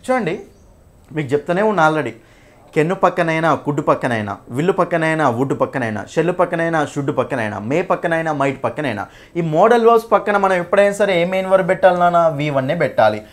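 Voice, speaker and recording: Fast-talking teacher man. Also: on the high side, expressive. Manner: repeats points, checks in with "okay?"; mixes English terms into Telugu. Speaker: English teacher. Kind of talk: exam-prep grammar lesson.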